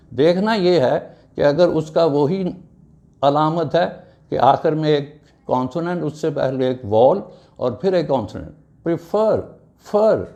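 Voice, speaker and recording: A man teaching a grammar class at a slow, measured pace. His voice is fairly high for a man and has a gravelly, creaky edge. He spells out each word letter by letter. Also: a little mellow. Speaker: English teacher.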